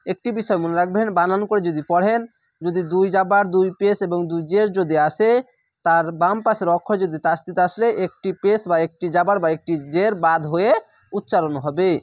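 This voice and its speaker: Teacher, man, high voice, dry close sound; spells letters, then chants each word slowly. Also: fairly even intonation, dry recording. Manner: slow drawn-out chanted recitation between plain explanations. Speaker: Quran recitation teacher. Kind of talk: spelling out and reciting Arabic verses letter by letter.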